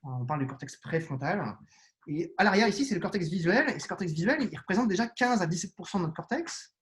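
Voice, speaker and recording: A man's voice: high-pitched, expressive, fast, a bit bright. A man with children answering interview questions on neuroscience, explaining patiently with frequent restarts and hesitations. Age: adult with children. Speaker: neuroscience guest.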